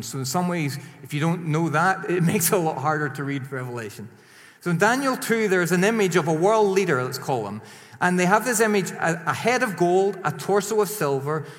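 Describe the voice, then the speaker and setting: Male preacher, slightly high voice, emphatic and animated, long hall reverb. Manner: animated, rising to emphatic peaks then dropping quiet. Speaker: pastor. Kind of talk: sermon.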